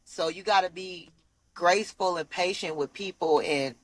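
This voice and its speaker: A woman's voice: lowish voice, moderate pace. A woman co-hosting a podcast in casual chat, candid and venting, swearing freely. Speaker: podcast co-host.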